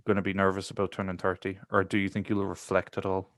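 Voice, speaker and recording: A man in his thirties co-hosts a podcast, chatting casually and thinking out loud with plenty of fillers and restarts. His low voice is completely flat and quick, and there's no echo. The talk rambles in a reflective way.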